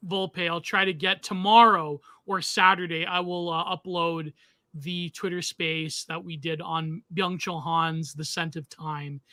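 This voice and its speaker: Young man co-host, laid-back and giggly, high and piercingly bright. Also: little pitch movement, unhurried. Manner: laid-back, laughing often, trailing off. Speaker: podcast co-host. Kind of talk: casual chat.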